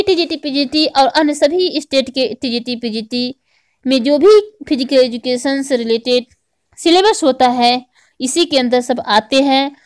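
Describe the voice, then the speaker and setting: Her voice sits high with a darkish tone as this woman, an online exam-prep teacher, narrates a scripted lesson over slides. She walks through the material step by step, driving key points home by posing them as questions and answering them.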